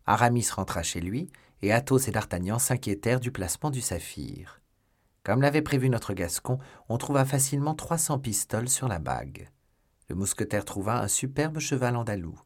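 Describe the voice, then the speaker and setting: A man narrating an audiobook in a steady, even reading style. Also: medium pitch, moderate pace. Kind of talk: scripted narration.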